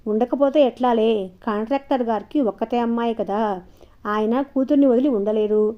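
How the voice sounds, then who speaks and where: Brief: an eager young gossip of a village girl, read by a woman narrator, higher voice, dull lo-fi sound. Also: normal speed, close to an everyday voice. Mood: chatty. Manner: lively gossiping, sometimes hushed.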